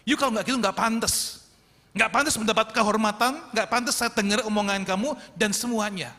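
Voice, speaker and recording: A pastor preaches a high, bright, ringing voice that carries through a reverberant sanctuary. He swings from loud to hushed, acting out quoted lines and turning to his congregation again and again. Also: brisk. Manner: animated, acts out quoted voices, addresses congregation often. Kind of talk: sermon. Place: church sanctuary. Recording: echoey church hall.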